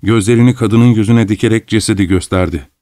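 A man narrating a story in a measured, unhurried way. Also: on the low side, steady tone, warm tone, dry recording, clean studio sound. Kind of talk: audiobook narration.

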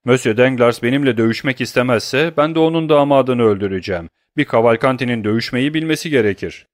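A man's voice: mid-range voice, quick pace, dry recording, clean studio sound, natural voice. A man reading an audiobook who voices a cold, grimly furious young nobleman, talking in clipped, menacing tones.

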